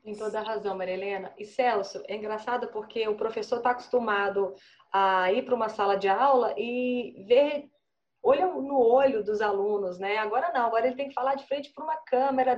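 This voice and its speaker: A woman's voice: a little high, a little mellow. A woman hosting a panel, prompting guests with friendly questions. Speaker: host. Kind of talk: panel moderation. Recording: dull lo-fi audio.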